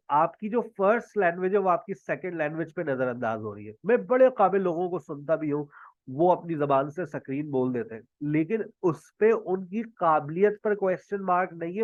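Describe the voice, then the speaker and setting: Punjabi-speaking male tutor, fairly high voice, measured lecture pace, dry and muffled call audio. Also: no room sound. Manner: slow, deliberate, quizzing the class, modeling English phrases. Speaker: spoken English teacher. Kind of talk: online class lecture. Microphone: video call. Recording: dull lo-fi online call audio.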